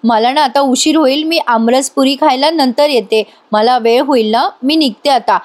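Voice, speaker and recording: A woman voicing a young married woman who is upset and defiant, speaking in sharp complaining bursts while retelling a TV serial. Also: high voice, moderate pace, close to an everyday voice.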